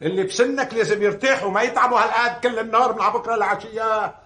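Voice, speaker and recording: [name], brisk neighborhood adviser. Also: male voice, sits high, steady tone, bright, forceful tone, echoey room. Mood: lecturing. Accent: Lebanese. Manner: advising, scolding, fast-talking.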